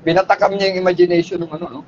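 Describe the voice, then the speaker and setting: A man's voice: high voice, fairly even intonation, racing. A man telling a story in a polite, conversational way, often checking in with his listeners. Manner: polite, with frequent tag questions. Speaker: speaker retelling a police hostage story. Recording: muffled lo-fi with faint background noise.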